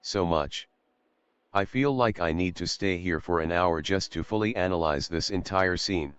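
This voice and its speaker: A man playing a monotone, flat-spoken traveler in a live role-play. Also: sits low, normal speed, clear, resonant tone, no room sound, highs cut off, soft background music. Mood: flat awe. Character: awestruck, flat-spoken young male traveler.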